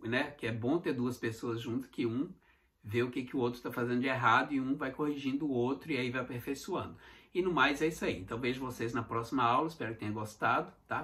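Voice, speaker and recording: A man with a Brazilian Portuguese accent, teaching English in a casual video lesson, patient and repeating each example slowly. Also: mid-range voice, fairly bright tone.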